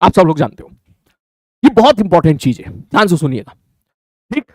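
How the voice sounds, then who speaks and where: Fast-talking man teaching a live online class. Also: sits high, big pitch swings, a little mellow, no room sound, studio quality. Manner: fast-talking, repeats phrases and "thik hai" constantly.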